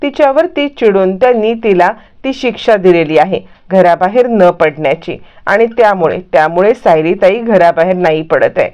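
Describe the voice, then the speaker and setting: A woman's voice: on the low side, expressive, normal speed, hardly any pauses, a little mellow, close to an everyday voice. A woman voicing a grown woman who explains things patiently to a boy, in a muffled lo-fi recording. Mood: questioning.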